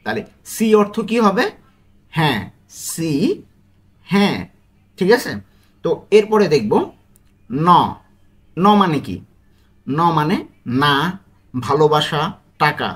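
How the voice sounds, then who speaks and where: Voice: medium pitch, husky. A language teacher running a vocabulary quiz, repeating each word and answer and checking in with listeners. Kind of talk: quiz-style language lesson.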